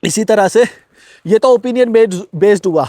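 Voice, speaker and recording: Brief: male host, high voice, quick nonstop delivery of motivational points, dry close recording. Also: warm tone, dry recording. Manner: rapid, unbroken flow of points, addresses viewer directly. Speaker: self-help video host. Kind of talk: fast-paced motivational talk to camera. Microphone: recording to camera on a device.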